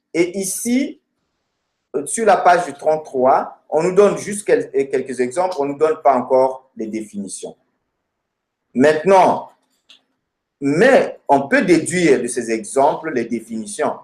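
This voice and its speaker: A man teaching a language lesson from a textbook, addressing the student directly and pausing with fillers as he searches the pages and repeats word endings. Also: a little high, reverberant. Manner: halting, many fillers and repeated words while searching pages. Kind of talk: recorded lesson, talking through a textbook.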